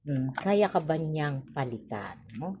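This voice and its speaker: Low, mellow-voiced Filipino woman reading tarot. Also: lively intonation, unhurried, a little hiss or hum. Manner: chatty, peppers lines with tag questions, sarcastic asides. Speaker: tarot reader. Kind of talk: casual tarot reading monologue.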